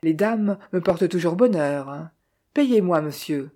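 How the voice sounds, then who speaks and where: A reader voicing a wily, smooth-talking male card sharp in an audiobook. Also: medium pitch, lively intonation, unhurried, lightly acted. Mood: smug. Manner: pleased, smooth.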